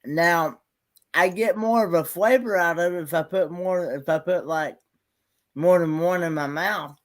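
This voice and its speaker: A man co-hosting a casual livestream taste test with a slightly high voice. He answers briefly and mumbles a little as he tries the food. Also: a little slow. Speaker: co-host.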